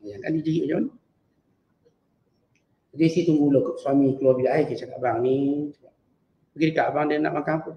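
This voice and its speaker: High-voiced Malaysian religious teacher. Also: male voice, echoey room, lo-fi sound. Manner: chants Arabic verses slowly, then explains in lively everyday speech. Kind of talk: Quran exegesis lesson.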